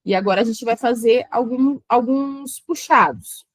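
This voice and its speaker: A woman teaches a lesson, her voice sitting fairly high. She explains patiently and breaks words into slow syllables. The sound is dry and close, with no room echo. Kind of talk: online exam-prep lecture.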